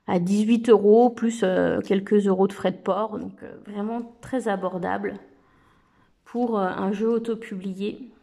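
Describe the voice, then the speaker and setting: A woman talks casually to her viewers about her favourite card decks. Her voice sits mid-range with a gravelly, creaky texture. She speaks in a relaxed, chatty way, pausing often on small filler sounds. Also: mid-range voice. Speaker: vlogger reviewing oracle card decks. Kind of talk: casual chat to camera.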